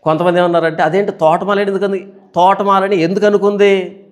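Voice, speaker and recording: A man's voice: sits high, quick pace. A male pastor giving a Bible study sermon, telling stories and asking rhetorical questions. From India. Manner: animated storytelling with rhetorical questions.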